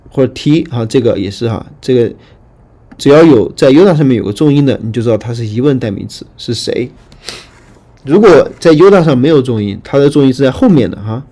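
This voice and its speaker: A man teaching Greek grammar in a lecture, patient and repetitive, often checking that students follow and reading word forms aloud slowly. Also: medium pitch, warm tone. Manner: patient, repetitive, frequent fillers and checking questions. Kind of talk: online lecture explaining grammar.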